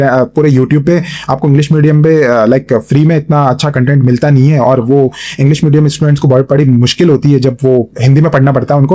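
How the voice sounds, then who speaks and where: Hoarse young male tutor, mellow voice. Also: mid-range voice. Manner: Hinglish, frequent fillers, checks in with "thik hai". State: voice getting hoarse. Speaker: exam-prep geography teacher. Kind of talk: online lecture with map.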